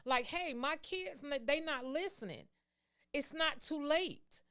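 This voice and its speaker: High-voiced woman co-host, earnest. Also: measured pace, pushed and bright. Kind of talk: casual faith talk show.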